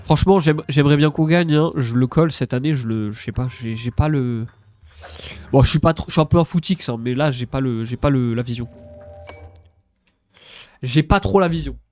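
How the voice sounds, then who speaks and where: Faint music plays behind a young streamer whose nose sounds stuffed up as he talks over his gameplay. His medium-pitched, slightly mellow voice moves at a moderate pace with long pauses, and he's hesitant, repeats himself and swears a little.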